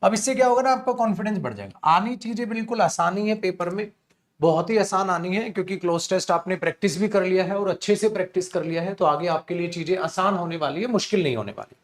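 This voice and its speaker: A young man teaching an exam-prep class, asking his students questions and answering them himself, and reading English sentences slowly word by word. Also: high voice. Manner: addresses students as beta and mere dost, asks and answers his own questions. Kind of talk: online exam-prep lesson.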